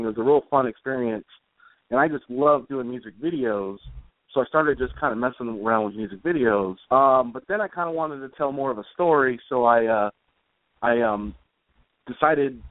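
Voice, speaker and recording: In a casual conversational interview, the guest, a comic author and musician, talks at medium pitch in a loose, rambling, informal way. He comes through a tinny line, and no room sound is audible.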